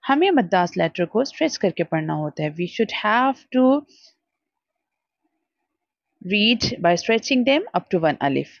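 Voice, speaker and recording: A woman teaching Quran reading in a recorded online lesson. She draws out each letter sound slowly, then explains quickly, slipping into English now and then. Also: mid-range voice, sing-song, dry recording. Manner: slow, drawn-out letter recitation between brisk explanations, mixing English. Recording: dull lo-fi dry recording.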